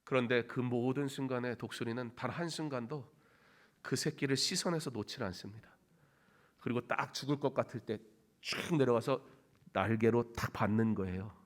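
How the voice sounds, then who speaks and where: Preaching man, loud bursts and hushes. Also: mid-range voice, normal speed. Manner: swings between loud emphatic bursts and quiet intimate preaching; acts out quoted phrases with big dramatic shouts. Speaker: pastor. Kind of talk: sermon. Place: church sanctuary.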